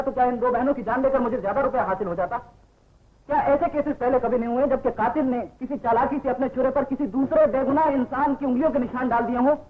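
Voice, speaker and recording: High-voiced guy acting an accused young man arguing his innocence, old dull film audio with a bit of hiss. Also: close to an everyday voice. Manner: impassioned, argumentative. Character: young man accused of murder, defiant then pleading. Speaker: accused suspect.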